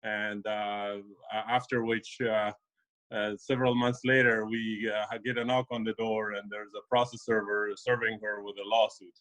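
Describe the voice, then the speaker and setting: A man's voice: on the low side, flat delivery, moderate pace, a bit bright, low-quality recording. A man from Afghanistan, an immigration lawyer guest, talking casually in an interview with many fillers and restarts.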